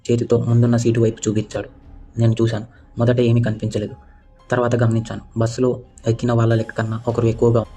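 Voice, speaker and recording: Male horror-story narrator, monotone, even and steady, faint music behind. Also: mid-range voice. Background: faint background music.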